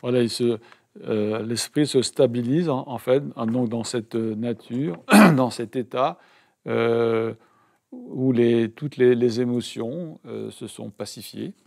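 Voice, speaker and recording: A man's voice: medium pitch, takes it slowly, vocal fry, a little mellow. A man interpreting a meditation teaching live, hesitant, with many fillers and self-corrections.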